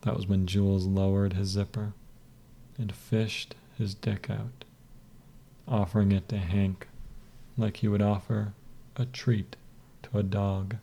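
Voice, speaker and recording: A man reading a story aloud in a slow, soft, even delivery. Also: fairly low pitch, creaky. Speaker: narrator. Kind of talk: scripted story narration.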